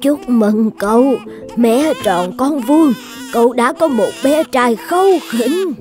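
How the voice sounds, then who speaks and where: In an animated folktale, a woman voices a kind, selfless elderly village midwife and grandmother, speaking gently and earnestly. Her voice is on the high side and slow-paced, set over music, with a kindly mood.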